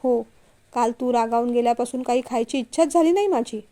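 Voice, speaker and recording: A woman voicing a gentle young woman in a storybook reading, speaking softly and coaxingly to the man she loves. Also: a little high, a little fast, lightly acted. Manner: soft, coaxing. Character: gentle, apologetic young woman, office employee.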